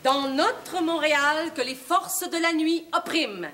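An actress playing a self-important president of a morality league, making pompous, formal announcements in a period drama. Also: female voice, high-pitched, unhurried, a loud crowd. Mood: pompous, solemn. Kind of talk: 1940s-50s period drama speech. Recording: noisy, clicks.

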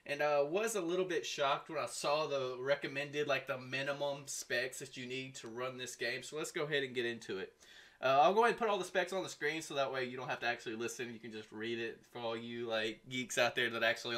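Bright-voiced man hosting a gaming vlog. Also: a little high. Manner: chatty, loose, full of "uh" and "like" fillers. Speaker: gaming video host. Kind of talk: casual gaming news vlog.

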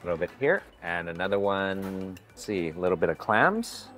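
A man's voice: low voice, sing-song, moderate pace, soft background music. Chatty man vlogging at a buffet. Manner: upbeat, chatty, often greets staff warmly. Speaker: food vlogger. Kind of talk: casual vlog narration. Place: hotel buffet restaurant, indoors.

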